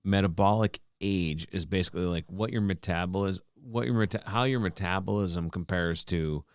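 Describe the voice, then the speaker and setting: A man's voice: sits low, normal speed, smooth, dry recording, studio quality. A man in his forties co-hosting a podcast, chatting casually and explaining at length with many restarts. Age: 40s. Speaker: podcast co-host. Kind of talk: casual chat.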